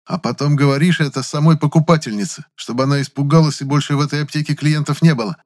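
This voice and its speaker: A man voicing a quick-witted teenage boy who speaks in a mocking, firm way. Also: medium pitch, a little mellow, no echo, clean studio sound, voice pushed up, natural voice.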